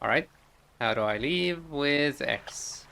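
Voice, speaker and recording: A man playing a game and chatting excitedly, reading on-screen text aloud as he goes. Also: fairly high pitch, takes it slowly, creaky, a little hiss or hum. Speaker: gaming streamer. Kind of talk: casual let's-play commentary.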